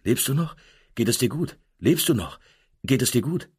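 A man's voice: mid-range voice, animated, normal speed, husky, voice pushed up. A man voicing a worried young man who keeps talking, insistent and repetitive. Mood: anxious. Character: pushy, worried young man, talks nonstop.

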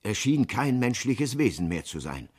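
A man narrating an audiobook in a measured, sombre way. His voice sits at a middle pitch for a man, and he reads steadily. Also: big pitch swings, darkish tone, breathy edge.

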